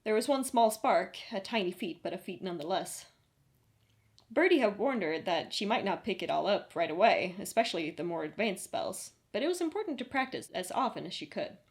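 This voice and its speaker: A woman narrating a story in an even, audiobook-style read. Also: medium pitch, a little fast.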